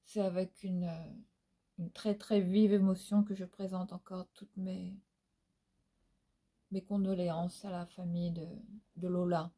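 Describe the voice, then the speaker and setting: A woman's voice: on the low side, flat delivery, a little slow, pauses often, mellow, breathy edge. A middle-aged woman from Réunion with a Réunionese Creole accent, chatting casually at home about used-up beauty products, full of fillers and tag questions. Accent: Réunionese Creole French. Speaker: beauty vlogger. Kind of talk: casual product review chat. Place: at home, indoors.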